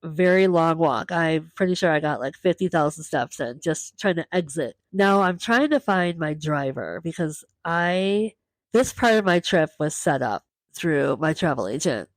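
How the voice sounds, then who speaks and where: A woman hosts her own podcast and tells a travel story in a relaxed, animated way, dropping into the voices of the people she met. Her voice sits a little low for a woman. The sound is close and dry, with no room echo. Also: moderate pace. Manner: lively, acts out quoted voices. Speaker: podcast host.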